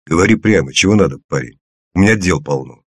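A man voicing a gruff, suspicious retired older man who talks curtly and grumbles. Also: sits low, animated, fast talker, no echo, studio quality. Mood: grumbling. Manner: curt, grumbling.

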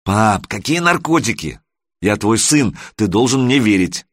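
A man's voice: fairly low pitch, big pitch swings, a little slow, dry recording, clean studio sound. A man voicing an earnest young man who reassures his parents in an audiobook. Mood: reassuring. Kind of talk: audiobook character voice.

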